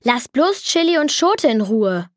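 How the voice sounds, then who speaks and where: Excited little boy showing off, a lady voicing him, high and bouncy, dry sound. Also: measured pace, no echo. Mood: eager. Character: eager proud young boy with pet mice.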